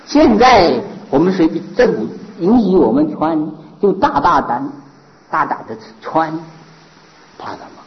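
A man, a Buddhist monk, giving a sermon with rhetorical questions and lively mimicry of people he describes. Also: a little high, a little slow. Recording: dull lo-fi recording.

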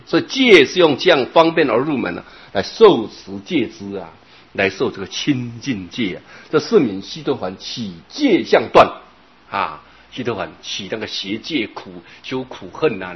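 Male Buddhist teacher, husky and animated, giving a long dharma talk on a dull lo-fi recording. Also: lowish voice. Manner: expounding, drawing out particles, repeating phrases.

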